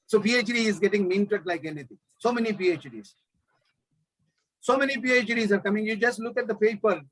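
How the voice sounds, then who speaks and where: Man, professor at a press conference, high voice, dry close sound, impassioned rhetorical questions. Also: no room sound, poor audio. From Kerala, India.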